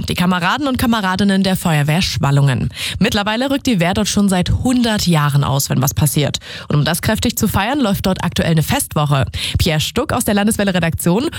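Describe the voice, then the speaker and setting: Upbeat woman radio presenter, lively pitch. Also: dry recording, clean studio sound. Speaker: radio news host. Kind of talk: scripted regional radio presenting. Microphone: studio microphone.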